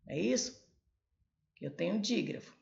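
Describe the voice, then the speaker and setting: With a mid-range, slightly mellow voice full of vocal fry, a woman animatedly teaches Portuguese grammar at a board at a moderate pace. The recording is muffled, and she explains each step while pointing things out, using many "olha" and "ó" prompts.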